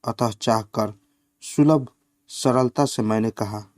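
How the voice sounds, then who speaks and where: A man reads a satirical short story aloud, slow and measured. His voice sits at an ordinary middle pitch. The recording is close and dry, with no room sound. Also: darkish tone, no echo. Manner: slow, measured reading with quoted lines voiced in the flow.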